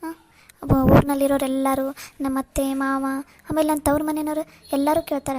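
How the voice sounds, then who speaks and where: A woman's voice: high-pitched, monotone, moderate pace, heavy background noise, lightly acted. A woman voicing a sorrowful young wife in a cartoon, pleading and near tears. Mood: sad.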